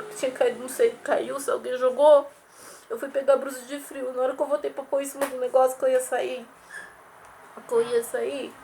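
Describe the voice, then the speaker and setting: A woman's voice: high voice, slight background noise. A woman telling what happened in her family in casual spoken testimony, rambling and repeating herself as she goes. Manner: rambling, repetitive retelling with restarts. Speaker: witness recounting a family assault.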